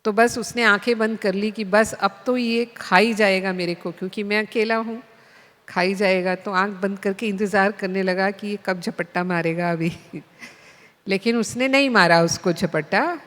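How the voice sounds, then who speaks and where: A woman spiritual teacher telling a story in a class, in an unhurried storytelling manner. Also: mid-range voice, fairly bright tone. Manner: unhurried storytelling, voices the animals. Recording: long hall reverb.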